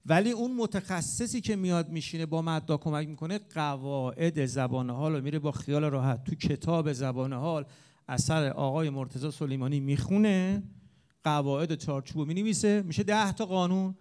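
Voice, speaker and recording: A man gives a heated talk to a gathered audience. His voice sits fairly high yet sounds warm and mellow. He jumps between loud, pressing rises and soft, low asides. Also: clear, resonant tone. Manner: animated, with sharp rises and drops in loudness. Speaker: speaker on religious eulogy singing. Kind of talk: impassioned lecture to an audience.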